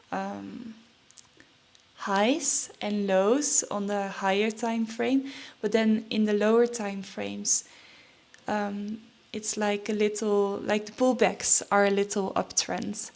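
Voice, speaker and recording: Young female vlogger, unhurried delivery, mid-range pitch, chatty with fillers, slightly nervous and breathless. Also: gravelly, darkish tone. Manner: chatty, with many fillers and restarts. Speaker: trading vlogger. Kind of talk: casual vlog chat.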